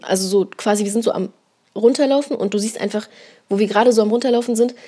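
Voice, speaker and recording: A woman's voice: medium pitch, warm tone. A young woman telling a long personal story in a casual podcast chat, rambling with lots of fillers and slang tags. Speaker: podcast co-host.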